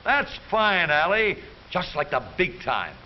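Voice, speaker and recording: Speaking slowly in a high, sing-song voice, an American man narrates a 1930s newsreel from a script. His tone is jaunty, theatrical and wisecracking. The recording is a muffled, hissy newsreel soundtrack from the 1930s.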